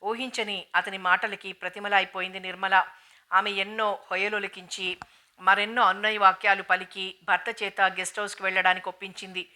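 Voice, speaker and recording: A woman narrating a novel in a steady, even storytelling manner, in an audiobook reading. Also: medium pitch, brisk.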